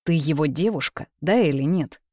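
A man's voice: a little high, normal speed, dark tone, no room sound, studio quality, close to an everyday voice. A reader voicing a young man, a persistent and jealous suitor who pleads and turns bitter, in a read-aloud novel. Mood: hurt. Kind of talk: audiobook character reading.

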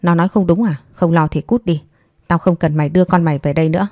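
Give me a hoarse, spiteful old mother-in-law in a storybook reading, put on by a woman narrator. She scolds fast and loud in a low, dark voice. The recording is dry and close. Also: no room sound, close to an everyday voice. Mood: furious. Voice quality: hoarse, thick voice.

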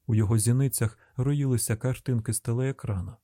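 A man narrating an audiobook in an even, measured way. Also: medium pitch, dry recording, clean studio sound.

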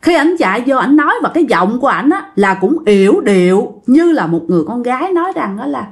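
A woman's voice: on the high side, very animated, brisk. A woman with a Southern Vietnamese Mekong Delta accent telling a ghost story in a chatty way, addressing her listeners directly.

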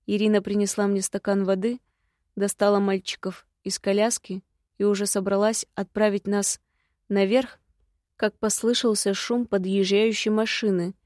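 A woman's voice: medium pitch, level tone, moderate pace, a little mellow, dry recording, clean studio sound. Woman reading an audiobook evenly. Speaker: audiobook narrator. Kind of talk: scripted narration.

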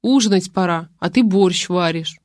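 A woman's voice: on the low side, moderate pace, darkish tone, dry recording, clean studio sound, close to an everyday voice. Woman doing a curt, barking young father. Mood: shouting. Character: irritable young father, rude and shouting.

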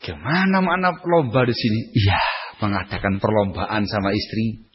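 A man preaching a sermon, swinging between loud high bursts and low quiet asides. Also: normal speed, slight background noise. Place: lecture hall. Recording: echoey hall, muffled lo-fi recording.

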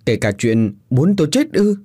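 A man's voice: mid-range voice, huge pitch swings, moderate pace, dark tone, no echo, studio quality, pitched above the performer's own voice. A man voicing a desperate, heartbroken young wife who pleads through tears. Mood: pleading, tearful. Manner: tearful pleading, raised voice.

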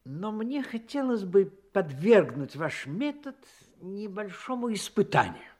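Genial old-school army doctor narrating a radio play, bit husky, really expressive, courteous, middle-aged. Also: male voice, high-pitched, unhurried, exaggerated voice. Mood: offended, protesting. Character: Doctor Watson, genial retired army doctor, admiring yet touchy friend. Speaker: narrator and character in an audio play. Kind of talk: theatrical radio-play storytelling.

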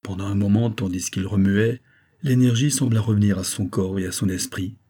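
Male narrator, audiobook, steady reading, husky, mellow. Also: lowish voice, moderate pace.

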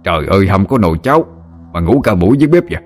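A gruff, fretful old village man grumbles and scolds in a deep, low voice, as a male narrator puts him on. He sounds impatient and a little set apart from the plain narration. Faint music plays under this storybook reading. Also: moderate pace. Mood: grumbling.

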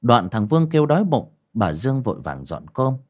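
A man reading a horror tale aloud with a lively, rising and falling delivery. His voice is low-set and husky, with expressive storytelling. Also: fairly quick. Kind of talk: audiobook horror story narration.

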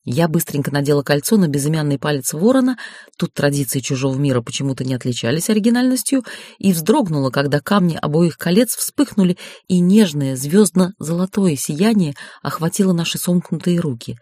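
A woman's voice: low-pitched, expressive, fairly quick, dark tone, no room sound, clean studio sound. Woman reading a first-person audiobook. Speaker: audiobook reader.

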